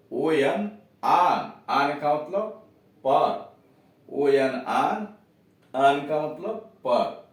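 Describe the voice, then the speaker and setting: A male teacher works through English words at a very slow, careful pace, spelling each one out letter by letter and then saying it again with its meaning. His voice sounds distant from the mic and rings in a heavily echoing room. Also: a little high. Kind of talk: slow spelling-out pronunciation lesson. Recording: very echoey room, voice from far off.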